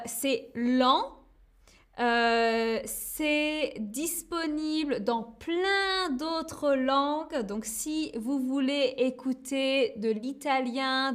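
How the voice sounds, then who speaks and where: Woman teacher talking super slow, high voice, keeps repeating stuff for learners. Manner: slow and deliberate, repeats words, frequent "hein" and "euh". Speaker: French teacher. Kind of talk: slow learner-friendly explanation.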